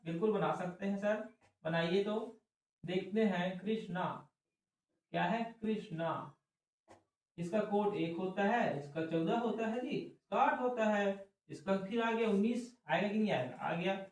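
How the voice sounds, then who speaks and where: Echoey far-off male teacher, high voice. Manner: repeats questions and answers them himself; drawn-out explaining. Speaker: reasoning teacher. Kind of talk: classroom lesson for exam students. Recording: very echoey room, voice far from the mic.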